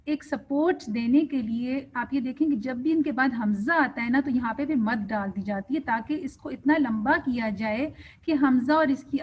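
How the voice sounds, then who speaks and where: A woman's voice: fairly high pitch, breathy edge. A woman teaching a Quran recitation lesson, patiently explaining pronunciation and showing wrong and right ways. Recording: dull lo-fi sound.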